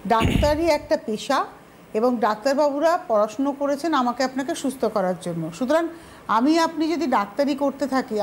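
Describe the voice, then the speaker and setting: A woman hosts a TV health phone-in in a high voice. She guides the talk firmly and questions callers politely, with faint noise behind her. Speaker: TV show host. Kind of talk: hosting a health phone-in show.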